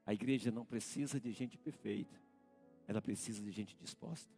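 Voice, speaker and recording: A man with a Brazilian Portuguese accent, a senior pastor preaching a live church sermon, repeating phrases and calling out to the congregation as he builds to shouted peaks. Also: lowish voice, fairly quick, soft background music. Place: church sanctuary.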